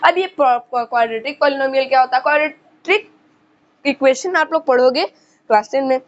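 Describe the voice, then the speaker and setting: A woman teaching school math in a casual lecture, who repeats key terms and quizzes her listeners. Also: high-pitched. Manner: slows down while writing on the board. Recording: dull lo-fi recording.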